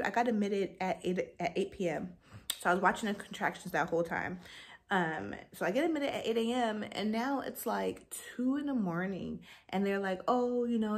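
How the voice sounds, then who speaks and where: Recounting her labor casually for her vlog, a young woman gets animated, and her voice shoots up in pitch as she describes what frustrated her.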